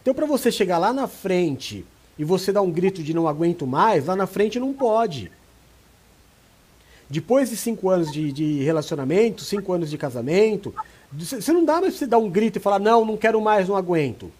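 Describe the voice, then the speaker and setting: A man's voice: high voice, brisk. A man, a pastor, giving relationship advice in a casual chat and acting out the people he quotes. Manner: animated, acts out quoted voices. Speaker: pastor and co-host.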